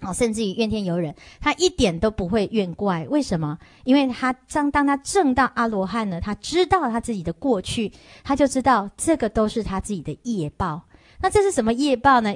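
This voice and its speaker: Here a Buddhist nun teaching a sutra tells a story in her sermon, her voice a little high and expressive at a moderate pace, with no room sound. She peppers the lecture with "hao" and "ha" tags and asks her listeners questions.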